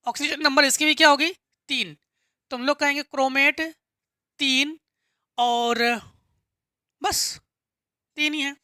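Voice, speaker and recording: A woman's voice: sits high, steady tone, unhurried, pauses often, bright, forceful tone, no echo, clean studio sound. A woman teaching a chemistry lesson step by step, patiently asking and answering her own questions and repeating key terms. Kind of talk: classroom lesson explaining step by step.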